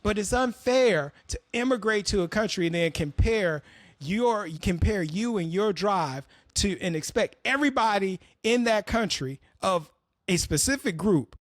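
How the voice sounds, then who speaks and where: A man's voice: sits high, lively intonation, unhurried, no echo, clean studio sound. A man hosting an opinionated commentary monologue, talking bluntly and profanely as he tells stories. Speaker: host.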